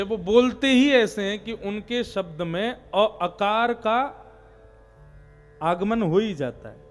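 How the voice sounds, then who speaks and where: A man with a fairly high voice gives an animated devotional discourse and now and then breaks into short sung chants. Faint sitar music plays softly underneath. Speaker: katha preacher.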